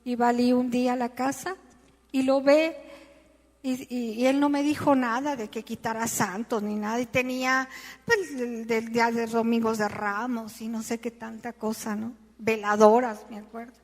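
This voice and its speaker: A middle-aged woman, telling her personal testimony in an emotional, animated way, acting out the dialogue. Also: on the high side, normal speed, in a large hall. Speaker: church testimony speaker.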